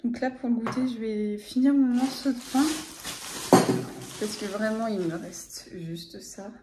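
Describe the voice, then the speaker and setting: A young woman from the Paris area, a student vlogging her week in a casual, rambling way, pausing often with fillers. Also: on the high side, echoey room, very noisy. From Paris area, France. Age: young adult. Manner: chatty, rambling, hesitant with frequent fillers. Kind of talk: casual vlog narration.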